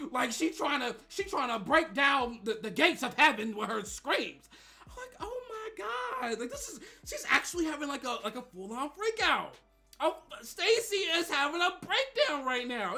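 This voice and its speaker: A man streamer telling a story casually, animated and laughing often, swinging between loud and quiet. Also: very high voice.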